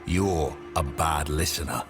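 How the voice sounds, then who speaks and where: A man's voice: very deep voice, a little slow. An actor playing a taunting, menacing henchman in a fantasy game, with a sneering, colloquial manner. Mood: taunting threat. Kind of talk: fantasy video game voice acting. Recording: music under the voice. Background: music.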